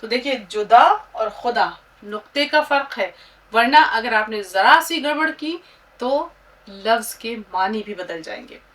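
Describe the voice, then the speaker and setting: A woman teaching how to write and pronounce words, spelling out letters and syllables slowly and reciting couplets. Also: fairly high pitch, expressive, fairly bright tone. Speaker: Urdu teacher. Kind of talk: slow script-writing lesson. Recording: distant mic with faint room noise.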